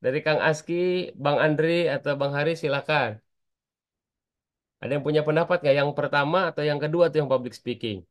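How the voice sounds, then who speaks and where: A man's voice: fairly high pitch, fairly even intonation, a little fast. A man teaching an online public speaking class, chatty and constantly asking his students for answers.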